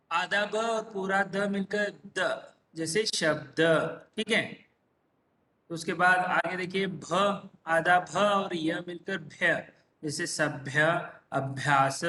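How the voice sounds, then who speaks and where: A man teacher slowly explaining a lesson, patiently repeating examples one word at a time. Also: high voice, pushed and bright, a little hiss or hum. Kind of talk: slow classroom explanation. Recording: echoey room.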